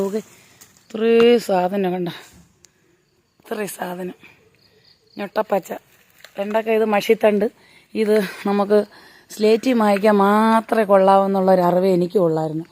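Hoarse homely woman cooking. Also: medium pitch, mellow. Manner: chatty, homely explaining while working. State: hoarse from a blocked throat. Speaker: home cooking vlogger. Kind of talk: casual cooking vlog. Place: home garden and old dim kitchen.

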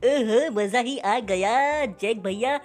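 A woman's voice: a little high, takes it slowly. A woman voicing a cheeky little cartoon boy in a fan-made game dub, playful and teasing.

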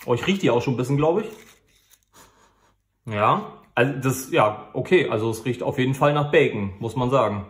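A man hosting a food review channel gives an unscripted, informal, matter-of-fact review indoors, his voice medium-pitched and expressive at a moderate pace. The room sounds echoey and reverberant.

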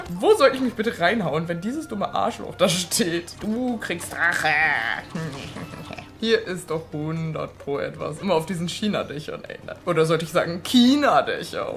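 A young woman hosting a let's play, chatting excitably with frequent swearing and sudden shrieks. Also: lowish voice. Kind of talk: casual gameplay commentary. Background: faint game music.

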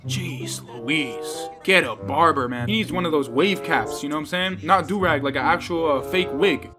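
A young man giving profane, joking commentary on a horror game, swinging between loud shouts and low mumbles. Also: normal speed. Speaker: gaming YouTuber. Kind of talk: profane comedic gameplay commentary. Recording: loud game music behind.

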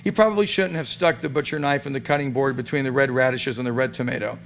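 A man's voice: medium pitch, fast talker, gravelly, fairly bright tone, slight background noise. Man reading a comic story aloud. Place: restaurant event room.

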